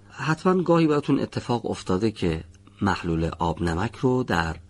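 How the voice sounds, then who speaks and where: A man teaching pronunciation in a studio lesson, patiently demonstrating each sound slowly and repeatedly. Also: low-pitched, slightly rough. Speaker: Quran recitation teacher. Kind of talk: classroom lesson on letter pronunciation.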